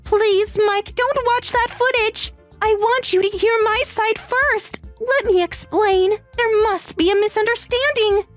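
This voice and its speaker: A woman voicing a panicked, entitled young wife in a dramatized text story, pleading and shrill. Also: animated, a little slow, soft background music.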